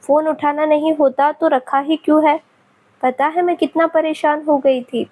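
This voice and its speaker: A woman's voice: high voice, a little mellow, slightly rough. A woman voicing a tearful, sulky young woman who scolds her sick partner in a pleading tone.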